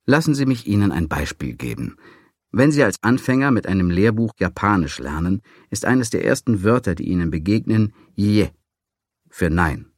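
Deep-voiced man narrating dryly. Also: expressive, normal speed, a little mellow, no echo, studio quality. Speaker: audiobook narrator. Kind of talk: scripted first-person narration.

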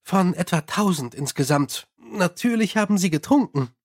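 A man's voice: sits high, animated, normal speed, pitched above the performer's own voice. A man voicing an earnest, dutiful young police captain who reports in a polite and efficient way.

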